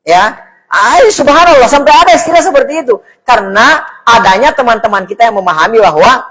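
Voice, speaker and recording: A man's voice: very high voice, expressive, a little fast, a bit bright, poor audio. A man giving a casual sermon, talking conversationally, reciting Arabic phrases and asking the audience questions. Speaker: Islamic preacher.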